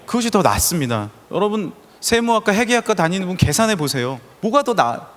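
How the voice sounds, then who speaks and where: A fairly high-voiced man preaches with a lively, swooping delivery, drawing his listeners in with stories. His voice rings out in a church hall with a long reverb. He slips into the voices of the people in his stories. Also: a little fast. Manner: animated storytelling, voices quoted people. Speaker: pastor. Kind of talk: lively sermon with acted-out quotes. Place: church sanctuary.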